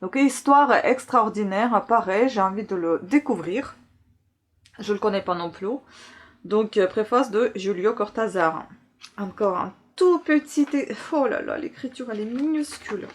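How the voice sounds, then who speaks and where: A woman's voice: medium pitch, animated, measured pace. A woman vlogger chatting casually through a book haul, hesitant and full of filler sounds.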